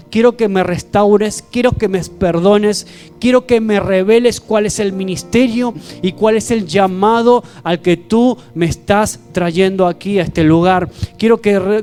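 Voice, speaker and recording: Brief: male pastor mid-sermon, high voice, fervent, faint keyboard underneath. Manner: fervent, praying aloud and exhorting the congregation. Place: church service. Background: soft keyboard music.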